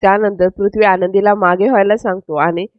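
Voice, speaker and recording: A woman retelling a TV serial episode in steady storytelling narration, in a dull, dry, lo-fi recording. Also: mid-range voice, brisk, dry recording.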